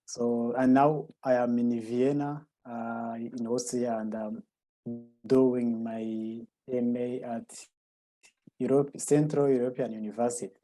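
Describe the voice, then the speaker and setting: A young man speaks with a Burundian accent in a very dark, mellow voice at a middling pitch. He presents informally as a guest speaker, feeling his way through non-native English phrasing in a halting manner. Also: level tone, rough recording.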